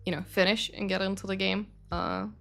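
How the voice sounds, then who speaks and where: A young Swedish woman with a gravelly, mid-range voice talks at normal speed in an animated way. As a game studio's community manager, she handles viewer questions on a casual livestream, rambling with frequent fillers and self-corrections.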